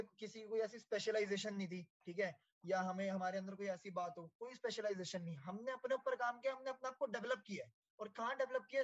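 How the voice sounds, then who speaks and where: Man, high voice, earnest grateful testimonial, code-switching, dull lo-fi recording. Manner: earnest, grateful, mixes Hindi with English phrases. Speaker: sales manager sharing his experience. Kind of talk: heartfelt testimonial talk. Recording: dull lo-fi audio.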